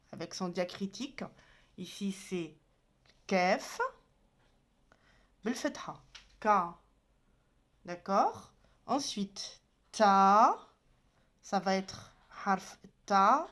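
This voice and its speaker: A woman teaches a beginners' class at a deliberate, slow pace, pausing over each letter and vowel mark. Her voice sits at a middle pitch. She sounds patient, guiding learners step by step. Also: a bit bright. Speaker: Arabic teacher.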